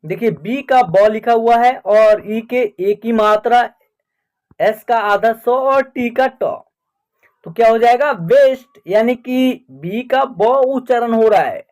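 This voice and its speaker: A man's voice: very high-pitched, takes it slowly, darkish tone. A man with a Hindi accent teaching English pronunciation, spelling words out letter by letter and checking in with learners. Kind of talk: slow spelling and pronunciation lesson.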